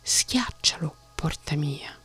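Commanding devil, put on by a whispering narrator, whispered role-play, breathy, slow. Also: mid-range voice, lively intonation, bright, forceful tone, faint music behind, exaggerated voice. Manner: whispered orders. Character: commanding male devil, master of the farm.

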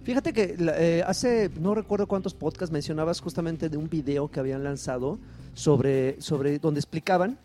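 Laid-back man, high mellow voice. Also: normal speed. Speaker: podcast co-host. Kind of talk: casual chat.

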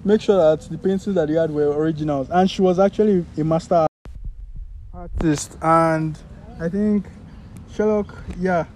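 A man's voice: fairly high pitch, fairly even intonation, normal speed, darkish tone, slight background noise, low-quality recording. A young man from Nigeria with a Nigerian accent, chatting casually as a podcast co-host and often searching for words. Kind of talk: casual chat.

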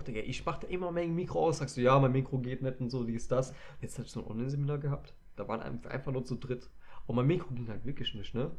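A man's voice: mid-range voice, dark tone. A young man chatting casually in heavy street slang, drawling and peppering his talk with fillers. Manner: slangy, drawling, fond of "Alter" and "Digga". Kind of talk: casual chat.

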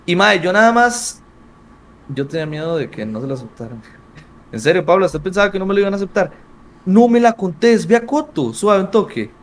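A man's voice: high voice, fairly quick. A young man with a Costa Rican accent, a streamer telling stories in a casual, slang-heavy interview chat. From Costa Rica. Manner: slangy, animated storytelling.

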